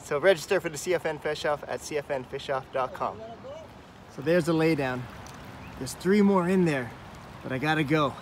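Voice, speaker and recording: Walking by a wooded creek, a man in his thirties hosts a fishing tutorial vlog, talking straight into a camera or phone held at arm's length. His voice sits rather high for a man, and he explains a fishing technique at a moderate pace in an upbeat tone. Soft stream sounds drift behind him.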